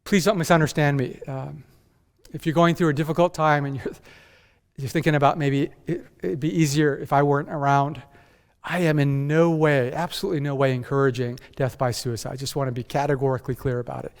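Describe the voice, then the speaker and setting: Man, from Japan, pastor, measured emphatic sermon, slightly high voice, lingering hall reverb. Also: fairly even intonation. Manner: measured, emphatic, builds with repeated phrases. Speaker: senior pastor. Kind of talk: conference sermon.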